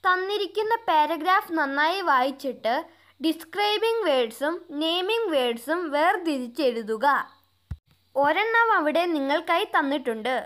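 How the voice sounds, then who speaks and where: A woman teacher with a Malayali accent, reading English textbook lines slowly and explaining them in a classroom lesson. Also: sits high, expressive, a bit bright. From Kerala, India.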